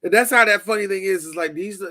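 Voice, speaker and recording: A man co-hosting a casual sports podcast, loud and profane, joking with his co-host. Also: sits high, fast, dry recording.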